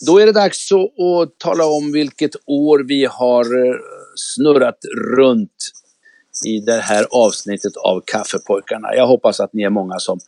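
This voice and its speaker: A man's voice: mid-range voice, darkish tone. A man co-hosting a casual chat show, talking in an easygoing, chatty way and wrapping up the episode. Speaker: co-host. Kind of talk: casual radio-style chat.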